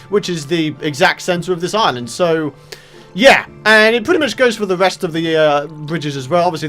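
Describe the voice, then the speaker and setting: A man in his twenties with a British accent, narrating a let's-play game video in a chatty, self-mocking way, in a morning voice that breaks into excited outbursts. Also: high-pitched. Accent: British English. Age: 20s. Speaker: gaming YouTuber. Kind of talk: casual let's-play commentary.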